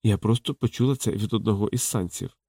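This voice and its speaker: Give me a calm, frank courtesan who speaks soft and low, as a male narrator reads her. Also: quick pace, husky, no echo, studio quality. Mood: teasing. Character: frank, teasing courtesan woman, calm and knowing.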